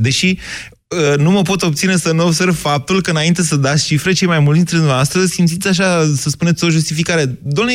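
A man hosting a radio call-in show, questioning callers bluntly. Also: on the high side.

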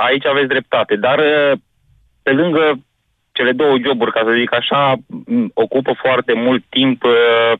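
A man's voice: mid-range voice, dry recording. Insistent male caller on a tinny phone line. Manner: insistent, repeats himself. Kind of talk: phone-in call.

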